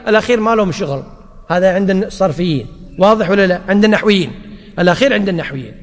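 A man's voice: sits high, lively intonation, very fast. A man teaching grammar to a class. He repeats his points and keeps checking whether his listeners follow. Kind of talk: classroom lecture. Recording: long reverb of a large hall.

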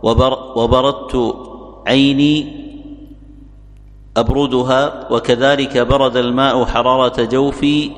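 A man reading a classical grammar text aloud, reciting it in a measured way before the teacher. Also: mid-range voice, flat delivery, long reverb tail.

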